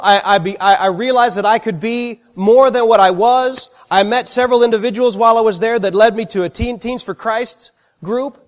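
A man preaching a sermon, telling personal stories with animated, self-deprecating humor. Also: sits high.

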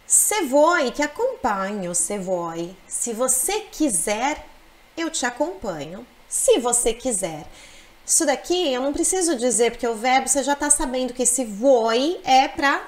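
A woman teaching Italian in a lesson, explaining slowly and repeating words to model their pronunciation. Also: high voice, sing-song. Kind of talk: language lesson.

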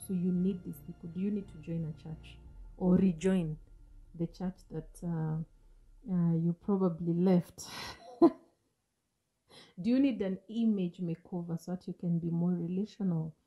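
A woman in her forties, originally from Africa and a native speaker of an African language, hosts a motivational talk in English, her second language. She coaches the listener earnestly and poses questions, seated on a sofa in a small room with a studio mic on a stand before her. Her warm, slightly rough voice is fairly low and fairly even, at normal speed, on a muffled recording with soft music behind.

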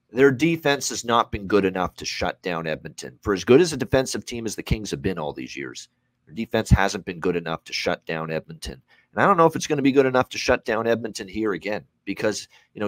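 Speaking without a script, a man in his thirties analyzes sports bets for a hockey preview show, emphatic and prone to repeating himself. His pitch is fairly low and his tone fairly bright, with no echo, as he joins by video call from a small home room.

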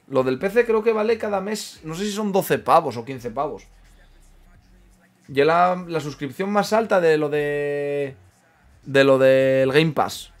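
A man, a gaming streamer chatting casually over a football management game, muttering to himself and reading out chat. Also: mid-range voice. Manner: banters, mutters, reads chat aloud. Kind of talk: casual gameplay commentary.

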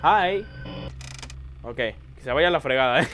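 A man giving excited horror gameplay commentary, jumpy, repeating words and crying out. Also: medium pitch, a little slow, a little hiss or hum.

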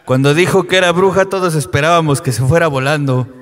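A man roasting fellow comics with quick deadpan insults. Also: on the high side. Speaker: roast comedian. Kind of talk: comedy roast jokes. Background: audience.

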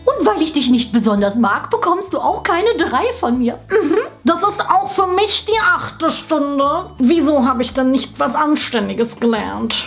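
Woman putting on a strict, high-voiced school teacher. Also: animated, unhurried, hardly any pauses, faint music behind. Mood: condescending. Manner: strict, condescending, pedantic. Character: strict, petty, pedantic female school teacher. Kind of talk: acted comedy sketch in a web video.

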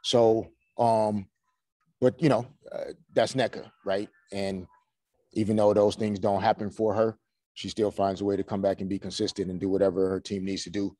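A man in his forties, a head coach answering postgame press questions in a measured way, full of "you know" fillers, over a video call. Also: fairly low pitch, level tone, mellow, dry recording. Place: small room before a team logo backdrop. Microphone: video call webcam.

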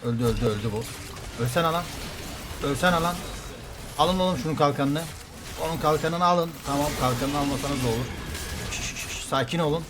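Excitable trash-talking male game streamer. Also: on the high side, brisk, long pauses, noisy background. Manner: excitable, trash-talking, addresses viewers as guys. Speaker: gaming streamer. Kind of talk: live gameplay commentary.

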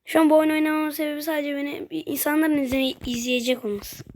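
High-voiced excitable woman streamer. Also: fast talker, noisy background. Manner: excitable, swears freely, jumpy outbursts. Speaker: gaming streamer. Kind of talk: casual let's-play commentary.

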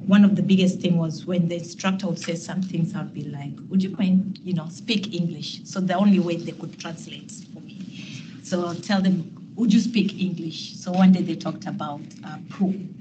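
Woman, lower voice, distant mic. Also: fairly even intonation, normal speed, muffled recording. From Kenya. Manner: laid-back, self-deprecating, many ums. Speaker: nurse on a panel. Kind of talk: personal storytelling. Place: meeting room, seated at a long table. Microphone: far room camera. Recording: distant mic with room noise.

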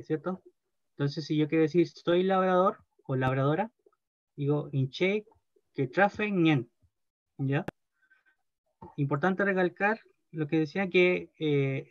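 Slow-speaking man teaching a class. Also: on the high side, no echo, dull audio. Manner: slow, deliberate, checks in with "¿ya?". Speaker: language teacher. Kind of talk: online language class.

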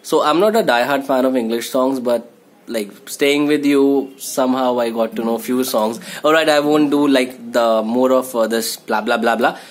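A man's voice: mid-range voice, normal speed. A young man hosting his own channel, chatting casually and teasing his friend, with plenty of loose fillers. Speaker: channel host. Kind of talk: casual chat.

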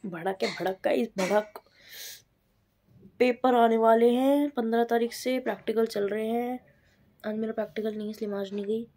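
Young woman vlogger, slightly high voice, chatty and teasing, casual home recording. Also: moderate pace, dark tone. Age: young adult. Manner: chatty, teasing, addresses viewers directly. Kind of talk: casual home vlog chat.

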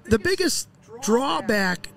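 A middle-aged man, a fishing guide, explaining his methods in a relaxed, casual interview outdoors on a headset mic, with fillers and restarts. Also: extremely high pitch, takes it slowly, vocal fry. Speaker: walleye fishing guide, podcast guest. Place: outdoor deck by a lake.

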